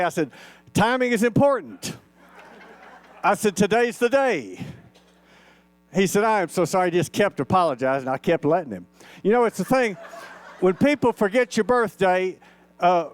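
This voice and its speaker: Older man in his 60s, minister, folksy storytelling sermon, smooth and slightly high voice, dry close sound. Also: dry recording. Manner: folksy, conversational, acts out quoted dialogue. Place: church sanctuary.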